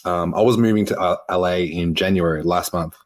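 Slangy low-voiced man in his thirties. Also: a little fast. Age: 30s. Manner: excitable, slangy, lots of "bro" and "like". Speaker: podcast host. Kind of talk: casual chat.

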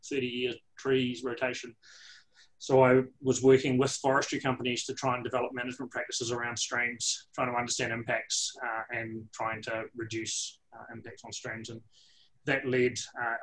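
A man's voice: mid-range voice, fairly bright tone, low-quality recording. New Zealand man, wry and conversational. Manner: wry, self-deprecating humour. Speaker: interview guest, water science professor. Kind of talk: conversational interview storytelling.

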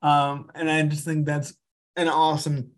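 A podcast host, a man with a slightly high voice, speaks in a completely flat, unhurried way during a casual interview chat. He's encouraging but repeats himself, filling his talk with "like" and "you know."

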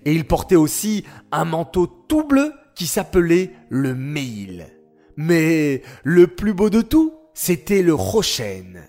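A man voicing a patient, knowing boy who explains things slowly in a children's story. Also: a little high, big pitch swings, a little mellow, faint music behind. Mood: patient, warm.

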